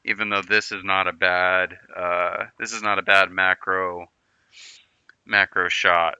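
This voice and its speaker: A man's voice: low-pitched, little pitch movement, measured pace, bright, forceful tone, clear, resonant tone, no echo, dull audio. A man chatting casually on a livestream, rambling and often repeating and restarting his words. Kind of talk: casual stream chat.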